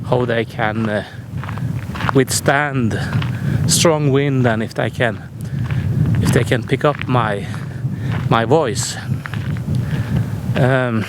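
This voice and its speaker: A man vlogging outdoors on an on-camera microphone with wind hitting it, speaking unscripted in a hesitant, halting way. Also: medium pitch. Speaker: vlogger testing camera gear. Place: outdoors near the ocean. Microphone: on-camera shotgun microphone. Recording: strong wind on the mic, outdoors.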